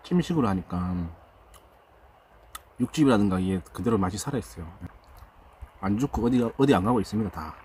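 A man's voice: lowish voice, fairly quick, pauses often, a little hiss or hum. A man hosting an outdoor eating show, talking casually while chewing and murmuring over his food. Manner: relaxed, savoring food, murmurs between bites. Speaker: mukbang host. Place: outdoors camping.

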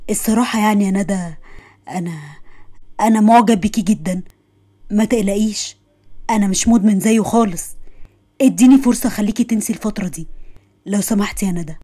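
A woman with an Egyptian accent voicing a scheming young man who woos softly with coaxing flattery. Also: mid-range voice, brisk, long pauses, voice pushed down, natural voice. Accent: Egyptian Arabic. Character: smooth, scheming young male suitor.

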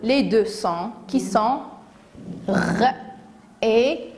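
A woman teacher with a Moroccan accent giving a phonics lesson to young children, saying each word slowly, syllable by syllable. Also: a little high, big pitch swings. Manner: slow, deliberate, syllable by syllable. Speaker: primary school teacher.

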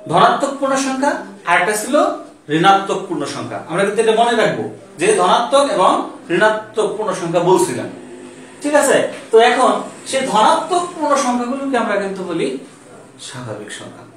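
In a high, animated voice that rises and falls widely, a male math teacher explains a lesson. He poses questions and answers them himself, repeating every key term. He sounds distant from the microphone, in a room with strong echo.

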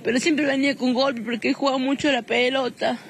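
A woman's voice: high voice, little pitch movement, fast. A distressed, tearful woman in her thirties with an Argentine accent, interviewed on the street outside a house. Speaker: bereaved mother being interviewed. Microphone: handheld news microphone. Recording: noisy outdoor street recording.

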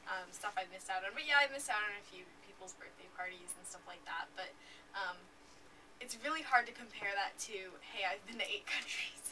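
Her voice is medium-pitched, fairly quick, pushed and bright. She's a fourteen-year-old interviewee, a young author and speaker, answering questions chattily with many fillers and frequent laughter from an armchair in an indoor room with curtains. A camera at a distance records her, leaving faint noise.

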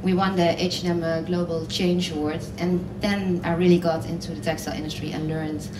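A woman speaks on a panel in a large hall, her fairly low voice carrying with a roomy echo. She talks earnestly and pauses with fillers, picked up from a distance with audible background noise. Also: flat delivery. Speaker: panellist designer. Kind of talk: panel talk on stage. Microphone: headset.

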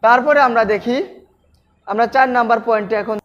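A man's voice: very high-pitched, steady tone, fairly quick, a bit bright. A man teaching pronunciation, repeating each word several times and speaking directly to his students. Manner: addresses students directly with instructions. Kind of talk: pronunciation lesson. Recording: dull lo-fi recording.

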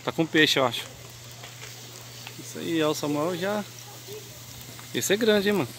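Brazilian guy chatting at a fishing pond, lively up and down voice, noisy outdoor audio. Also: a little high, measured pace. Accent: Brazilian Portuguese. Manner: chatty, teasing, gives pointers. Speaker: fishing vlog host. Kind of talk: casual chat while fishing.

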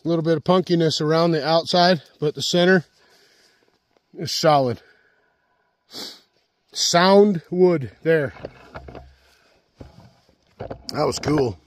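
A middle-aged man with a slightly high voice talks slowly and pauses often while vlogging in a snowy forest, casually showing off his chainsaw. Folksy and repetitive, he keeps asking the viewer "right?", recorded on a helmet-mounted action camera with no room sound.

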